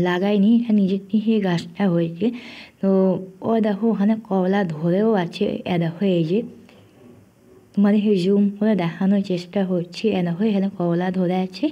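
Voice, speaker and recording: A woman with a hoarse voice after a cough, narrating her home cooking vlog in a homely, chatty way to her viewers, with many fillers. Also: mid-range voice, muffled recording. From India. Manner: homely chatty talk to friends, frequent fillers. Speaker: cooking vlogger.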